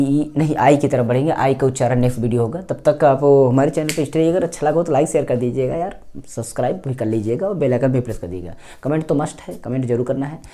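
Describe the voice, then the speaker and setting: A man's voice: mid-range voice, warm tone. A man teaching English pronunciation in a chatty lesson, repeating words as drills. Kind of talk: casual classroom lesson.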